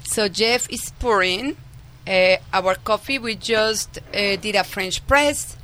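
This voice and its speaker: Woman from Colombia, middle-aged, bright voice, steady explanatory pace, filler-heavy, radio guest. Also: medium pitch, slow. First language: Spanish. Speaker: winemaker guest. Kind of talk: radio interview.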